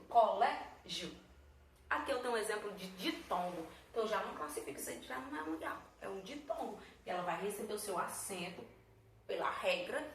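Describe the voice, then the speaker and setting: A woman teaching a lesson in a patient, explanatory way, with a slightly high voice. She is recorded in a roomy, echoing space from some distance, with faint background noise. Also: fairly bright tone. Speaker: Portuguese teacher.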